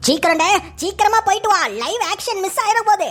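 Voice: very high voice, fast, fairly bright tone. A voice artist playing a scheming, gloating male villain boss in a cartoon, with a southern Tamil Thoothukudi accent and a commanding way of talking. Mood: impatient. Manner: gloating, barking orders. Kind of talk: cartoon voice acting.

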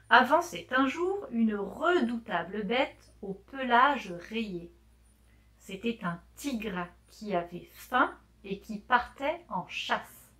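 A woman slowly reading a children's story aloud for learners, clear and deliberate with gentle expression. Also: fairly high pitch.

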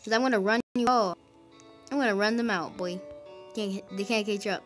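A woman giving casual commentary over her gameplay. She gets excited quickly and grumbles at her teammates. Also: mid-range voice, music in the background. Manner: excitable, quickly frustrated, calls teammates idiots. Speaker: gaming video host.

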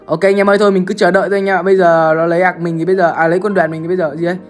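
A woman's voice: lowish voice, level tone, very fast, faint music behind. A woman from Vietnam, giving chatty gaming commentary and constantly calling out to her viewers. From Bắc Giang, Vietnam. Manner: chatty, keeps calling out to the audience. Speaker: gaming streamer.

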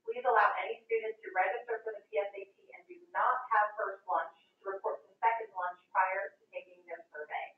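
A woman making a polite, businesslike announcement to students over a school intercom, heard as a tinny, echoey loudspeaker from across a classroom. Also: medium pitch, fairly even intonation, a little fast, hardly any pauses, recorded from a distance. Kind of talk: formal announcement.

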